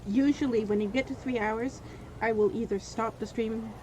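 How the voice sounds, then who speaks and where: A woman streaming gameplay, her voice hoarse and wearing out, rambling and venting between comments on the game. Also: on the high side, steady tone, normal speed, a little mellow, slight background noise, poor audio.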